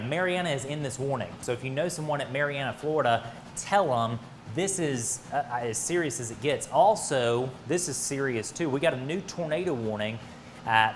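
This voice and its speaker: A man's voice: medium pitch, slight background noise. An American man giving live, ad-libbed severe weather coverage, speaking urgently and emphatically with direct appeals to listeners. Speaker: weather broadcaster.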